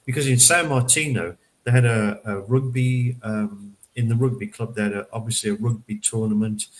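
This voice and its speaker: A man's voice: lowish voice, poor audio. Give me a man in casual panel chat who rambles with lots of fillers. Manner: chatty, many fillers and repeated words. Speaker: panelist reporting on a local event.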